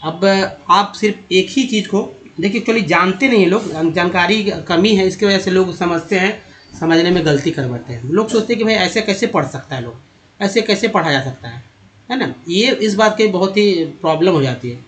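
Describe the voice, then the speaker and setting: Guy teaching english vowels, kinda high voice, repeats stuff a lot. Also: lively intonation, normal speed, fairly bright tone, a little hiss or hum. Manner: repetitive, explains step by step, addresses viewers as friends. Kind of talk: spoken pronunciation lesson.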